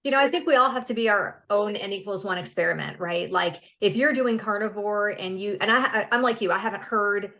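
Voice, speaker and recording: A woman's voice: medium pitch, a little fast, few pauses, pushed and bright. A woman in her fifties, a podcast guest, talking earnestly and upbeat in a casual interview, often restarting words. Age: 50s.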